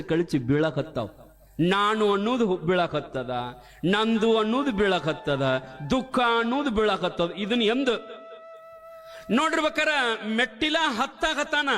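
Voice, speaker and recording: A man's voice: sits high, a bit bright. A male spiritual preacher who delivers a storytelling sermon, asking rhetorical questions and repeating phrases for emphasis.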